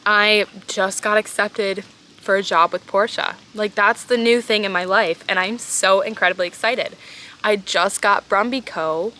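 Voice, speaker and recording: A woman talks solo as a podcast host while sitting outdoors in a pool. Her voice is bright and forceful at an average pitch. She speaks informally and earnestly, leaning on key words in a casual motivational style. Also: a little hiss or hum.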